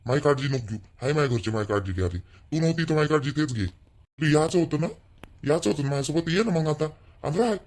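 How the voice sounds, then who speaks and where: A man's voice: on the high side, lively intonation, fast, a little mellow, slight background noise, close to an everyday voice. A man playing a curt young husband who brushes off his wife, speaking brusquely. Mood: dismissive. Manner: brusque, dismissive. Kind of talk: village family drama acting.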